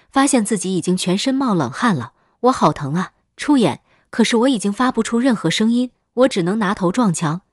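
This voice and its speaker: A woman's voice: medium pitch, darkish tone, no echo. Woman narrating a story, dry and close. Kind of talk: first-person story narration.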